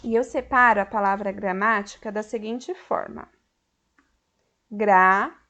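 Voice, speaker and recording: A woman teacher with a Brazilian Portuguese accent, giving a recorded school lesson slowly and clearly, stretching the stressed syllables of her example words. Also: medium pitch, fairly even intonation, a bit bright, highs cut off. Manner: slow, clear, patient explaining to children.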